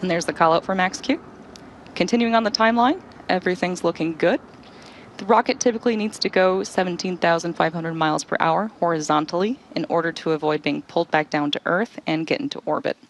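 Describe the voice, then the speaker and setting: Woman doing live explainer commentary for a launch, kinda low, some vocal fry. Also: fairly quick, a little hiss or hum. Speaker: launch webcast host.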